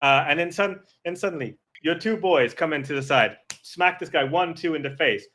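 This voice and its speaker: A man narrating and running a tabletop role-playing game as game master, casual and quick. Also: a little high, bright, forceful tone. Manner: quick, loose narration with voiced side characters.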